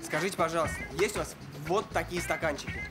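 A young man playing an insistent, sharp-tongued student in a sitcom. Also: a little high, fairly even intonation, fast talker, over loud music, natural voice. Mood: matter-of-fact. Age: young adult. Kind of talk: sitcom dialogue.

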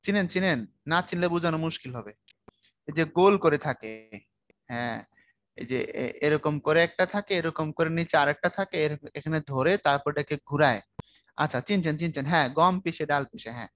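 A man's voice: a little high, fairly quick, a bit bright. A man teaching a Bangla writing lecture in a casual, conversational way, often checking whether his students follow. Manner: conversational, asks students if they follow, colloquial speech.

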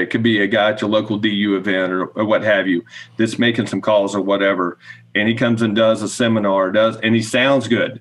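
A middle-aged man giving casual, plain-spoken explanations as an interview guest on a podcast. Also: on the low side. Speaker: podcast guest, goose call maker. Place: small indoor room with wooden shelves, on video call.

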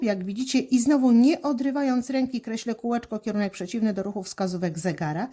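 Calm, deliberate woman teaching handwriting. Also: mid-range voice. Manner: calm, deliberate, many "e" fillers. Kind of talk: slow step-by-step instruction.

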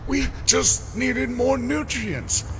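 A man's voice: very high voice, slow pace, a bit bright, slight background noise, full character voice. An actor playing a whiny, easily frightened poor male citizen who pleads and stammers. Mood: pleading scared.

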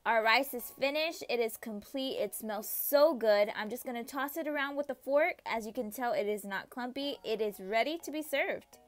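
A woman with a fairly high voice hosts a cooking channel, walking viewers through a recipe step by step at a normal speed with hardly any pauses. She's a home cook, and her instructions are friendly and repetitive, spoken directly to the viewer over soft background music.

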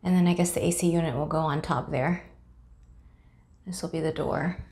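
A young woman with a deep, slightly rough voice talks at normal speed during a casual walkthrough of her townhouse under construction. As a homeowner vlogger, she chats easily while walking, filming indoors on a handheld phone with construction noise behind.

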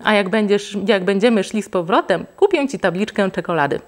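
A woman voicing a gentle, patient storybook dad, calm and even. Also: medium pitch, fairly quick, close to an everyday voice. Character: calm, kindly father.

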